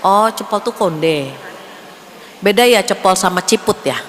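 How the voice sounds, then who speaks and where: Brief: woman preacher, animated storyteller, in a long-reverb hall with faint background hiss. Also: mid-range voice, measured pace. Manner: animated storytelling, acts out voices and prayers. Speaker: Islamic preacher. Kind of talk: lively sermon and Q&A.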